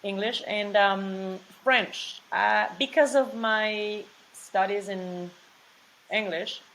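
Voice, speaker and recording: A Mexican woman with a Mexican Spanish accent speaks English as her second language as a guest in a casual interview. She is talkative and animated, often repeating words and saying "like." Her mid-range voice is slow, and the recording is rough.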